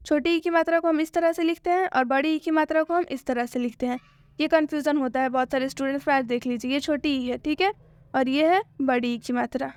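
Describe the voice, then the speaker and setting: A woman gives a spoken English lesson. She asks questions and answers them herself, and she repeats each point slowly. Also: sits high, no echo, studio quality. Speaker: English teacher.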